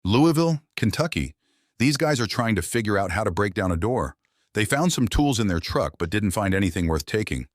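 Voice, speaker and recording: A man's voice: lowish voice, big pitch swings, brisk, no echo. A man reading scripted narration for caught-on-camera clips, recorded as a close voice-over. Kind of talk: scripted true-crime clip narration. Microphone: close dry voice-over mic.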